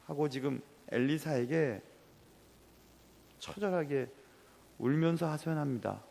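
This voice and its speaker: Pastor guy giving an earnest sermon, kinda high voice, gravelly, big church echo. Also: measured pace, darkish tone. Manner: earnest, emotional, emphatic.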